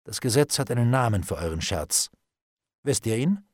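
A calm nobleman lets his dry irony and icy seriousness do the work, as a male reader puts him on. The voice stays low and measured, with a slightly husky texture. The recording is dry and close. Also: no echo. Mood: icily calm. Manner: calm, dry, ironic, unhurried. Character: calm, ironic male nobleman, coolly menacing. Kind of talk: audiobook character reading.

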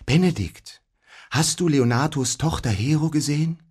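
A man's voice: fairly high pitch, moderate pace, darkish tone, breathy edge, pitched above the performer's own voice. A man voicing a lovestruck young count in a storybook, gushing and sighing. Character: smitten, dreamy young count.

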